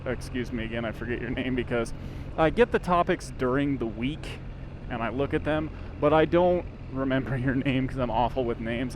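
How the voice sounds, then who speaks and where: Man vlogging from inside a motorcycle helmet. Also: mid-range voice. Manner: informal, self-interrupting, mildly sweary. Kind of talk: casual rambling vlog while riding. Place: outdoors, riding a motorcycle in traffic. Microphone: microphone inside a helmet. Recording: road and engine noise, inside helmet.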